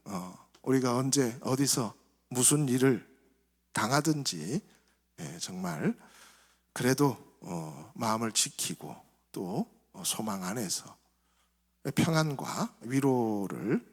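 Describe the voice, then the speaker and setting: A male pastor giving a sermon in a reflective, soft-spoken way, his phrases trailing off quieter. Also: mid-range voice, sing-song, slow, vocal fry. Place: church sanctuary. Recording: reverberant church hall.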